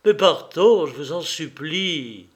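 Male reader doing a frail young man, imploring and urgent, voice pushed high, storybook drama. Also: slow. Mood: exasperated.

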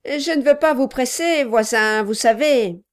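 A woman reading aloud voicing a scheming male dwarf who talks loudly and insistently with false friendliness. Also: a little high, a little slow, pitched above the performer's own voice, lightly acted. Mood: pushy.

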